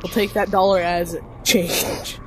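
A man's voice: high-pitched, little pitch movement, takes it slowly, music in the background. A young man giving casual, joking gameplay commentary full of slang. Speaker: gamer.

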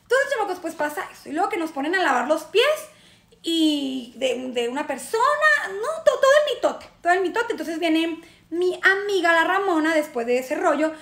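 A young Mexican woman chats through a personal story in a live stream, packed with slang and fillers. Her voice sits very high. The room echoes noticeably around her. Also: big pitch swings, normal speed, creaky. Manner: slangy, chatty, many fillers. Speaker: vlogger telling a personal story.

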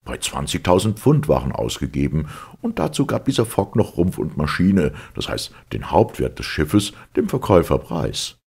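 A man reading a novel aloud as an audiobook in an expressive, dramatic manner. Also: rumbling low, normal speed, vocal fry, few pauses, breathy edge. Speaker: audiobook reader. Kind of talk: scripted audiobook narration.

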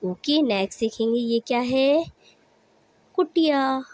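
A woman's voice: medium pitch, moderate pace, a little mellow, no room sound. A young woman teacher, patiently explaining a lesson step by step to young children and often checking in with them. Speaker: school teacher.

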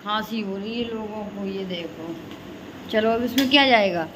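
A woman's voice: medium pitch, moderate pace. A young woman, chatting to viewers while she vlogs her arrival and her cooking in a hostel kitchen. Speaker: vlogger. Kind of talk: casual vlog narration. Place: hostel room and kitchen, indoors. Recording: noisy phone recording.

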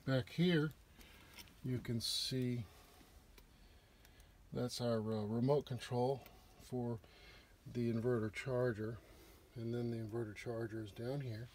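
Man, Southern accent, mellow tone, technical walkthrough, large indoor shop, faint background noise. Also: mid-range voice, steady tone, takes it slowly, long pauses. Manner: plain explanatory, technical, with fillers. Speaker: RV shop tour guide. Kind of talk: casual walkthrough narration.

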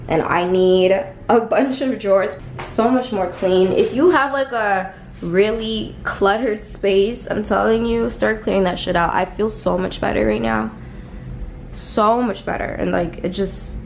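Chatty young woman with a gravelly voice. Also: mid-range voice, slight background noise. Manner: chatty, emphatic, drops casual swears. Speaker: lifestyle vlogger. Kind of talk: casual vlog chat. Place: indoors at home in a small room. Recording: echoey room, faint home ambience.

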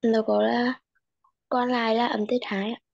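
A woman's voice: fairly high pitch, flat delivery, normal speed, vocal fry, darkish tone, lo-fi sound. A female student answering her teacher's questions in short, hesitant replies.

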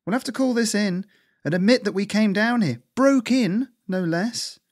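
A man voicing a sharp-tongued older female squirrel in a storybook reading, scolding and snappish. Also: high voice, normal speed, voice pushed up, lightly acted. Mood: exasperated.

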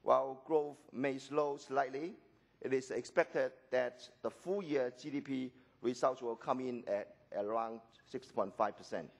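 A man from Hong Kong, losing his voice, gives a formal welcome speech as an executive director, measured and pausing with occasional "uh"s. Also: mid-range voice, gravelly. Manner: measured, with frequent pauses and filler "uh"s.

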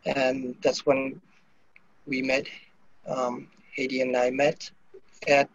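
Japanese guest on video call, unhurried and hesitant, lo-fi audio. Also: male voice, medium pitch, flat delivery. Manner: hesitant, many pauses and fillers. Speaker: organ procurement director, panel guest. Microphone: computer mic on video call.

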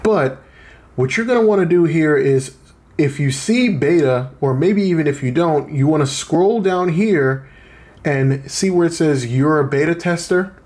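A man's voice: a little high, measured pace, darkish tone. A man hosting a casual how-to video, talking viewers through a fix in a chatty, informal way with joking asides. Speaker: tech video host.

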